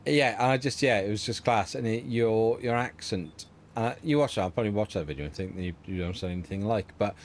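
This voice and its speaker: A man's voice: on the low side, brisk, hardly any pauses, slight background noise. A middle-aged man hosting a livestream from home, chatting in a rambling, easygoing way and laughing often. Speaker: livestream host. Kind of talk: casual livestream chat.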